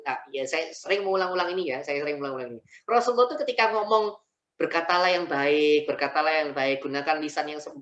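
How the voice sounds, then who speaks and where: A man's voice: sits high, a bit bright, reverberant. A man with a Javanese accent giving a humorous online religious lecture from home over a video call, mixing in Javanese words as he tells stories. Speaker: preacher.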